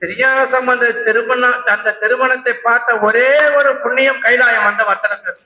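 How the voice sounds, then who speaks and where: A man's voice: extremely high pitch, steady tone, moderate pace, sharp tone, echoey room, a little hiss or hum, low-quality recording. A man giving a devotional discourse at a religious conference, telling a sacred story and breaking into rhythmic hymn recitation. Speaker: Saivite religious speaker. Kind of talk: devotional discourse with chanted hymns. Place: conference hall.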